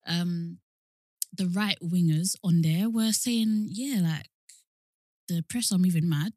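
A woman's voice: fairly low pitch, slow, no room sound, studio quality. British woman who says w for r. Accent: British, London. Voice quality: says w for r, soft r sounds. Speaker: podcast co-host. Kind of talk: casual opinionated chat.

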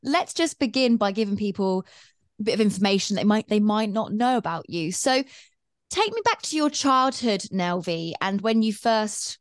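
A woman's voice: medium pitch, expressive, normal speed, dry recording, studio quality. A woman hosting an interview, asking questions in an upbeat, friendly way.

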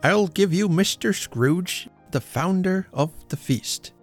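A man voicing a mild, gentle father who speaks softly and soothingly in a storybook reading. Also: high-pitched, expressive, slow pace, faint music behind, pitched above the performer's own voice, full character voice. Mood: toasting.

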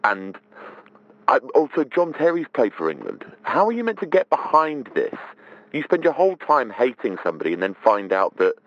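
A comedian leaving a halting, wry, rambling voicemail that is heard over a phone line. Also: male voice, medium pitch, very animated, no room sound. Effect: heard over a phone line as a voicemail message. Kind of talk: left voicemail rant. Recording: dull phone voicemail recording.

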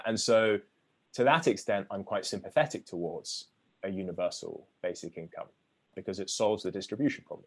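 A man, an author being interviewed, explaining his ideas in a measured way with frequent restarts. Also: lowish voice, a little mellow. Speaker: author guest.

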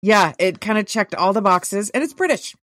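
A woman co-hosting a podcast, chatting casually about TV shows in a relaxed way, now and then swearing. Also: mid-range voice, moderate pace, no echo. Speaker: podcast co-host.

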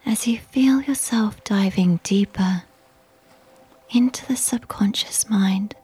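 A woman whispering a slow, soothing guided sleep meditation. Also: mid-range voice, breathy edge. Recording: soft music behind.

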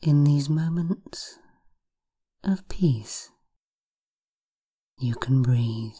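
Guiding listeners through hypnosis, this woman podcast host and hypnotherapist uses a bass, soothing spa voice that is breathy and half-whispered. Her phrases stretch out, separated by long pauses.

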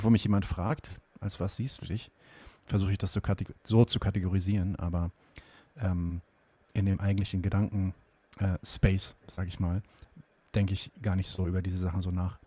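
A man from Germany with a low, warm voice hosts a conversational interview, hesitantly searching for words as he asks long questions packed with fillers. The recording is dry.

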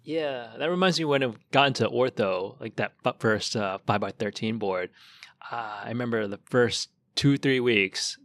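A man talking as a guest on a podcast, recounting things in a relaxed, thoughtful way with fillers. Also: mid-range voice, normal speed, dry recording. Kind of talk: casual chat.

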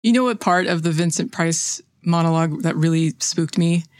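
A woman co-hosting a music podcast, chatting in a relaxed, agreeable way. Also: on the low side, normal speed, clean tone, no echo, clean studio sound. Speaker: podcast co-host. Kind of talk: casual chat.

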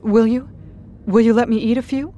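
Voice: fairly even intonation, normal speed, lightly acted. Narrator playing a frantic, pleading flower-eater. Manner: loud, high-strung pleading. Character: desperate craving flower-eater, nervous.

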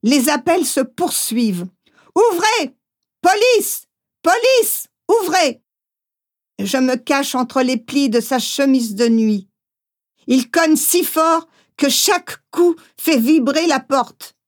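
A woman reading a first-person memoir aloud, gently, acting out the voices she quotes. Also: high voice, slow pace. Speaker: audiobook reader.

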